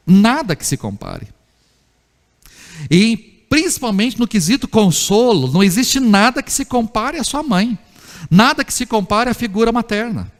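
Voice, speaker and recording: A man's fairly high voice carries through a church hall with a long echo. He is a middle-aged pastor who preaches in a chatty way. He asks the people question after question and acts out little family scenes. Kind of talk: sermon.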